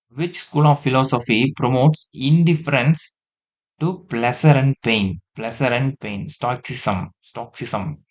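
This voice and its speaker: Man teaching quiz answers. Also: medium pitch. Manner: repeats answers slowly, drops to quiet asides. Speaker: exam-prep teacher. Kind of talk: quiz lesson, reading questions and repeating answers.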